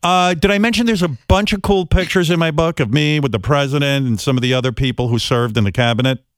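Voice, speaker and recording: A man's voice: fast talker, no room sound, clean studio sound, lightly acted. A man voicing a male political spokesman cheerfully plugging his book. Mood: chirpy. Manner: chirpy sales pitch.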